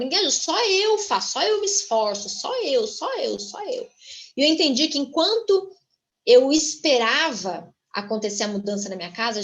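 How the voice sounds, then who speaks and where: A woman with a Brazilian Portuguese accent giving a church testimony, telling her story in a lively, animated way and often calling out to the audience. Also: a little high, lo-fi sound. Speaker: guest speaker giving a testimony.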